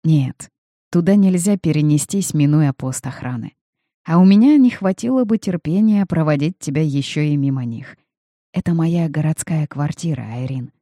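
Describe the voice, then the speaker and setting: A reader putting on a tender young prince who teases gently, his voice soft, low and intimate. The tone is mellow and a little husky, heard dry and close in a storybook reading. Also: lively intonation, normal speed, dry recording.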